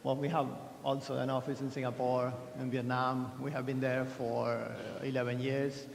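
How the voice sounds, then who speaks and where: A gravelly, mid-range male voice with flat delivery at a normal speed. He's an Argentine conference speaker giving a chatty, self-deprecating keynote full of restarts, recorded in a large, echoey hall with long reverb.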